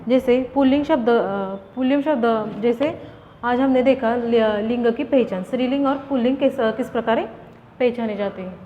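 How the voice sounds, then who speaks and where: A woman's voice: on the high side, moderate pace, slight background noise. A woman teacher giving a grammar lesson, reading out example words and asking and answering her own questions. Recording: dull reverberant room recording.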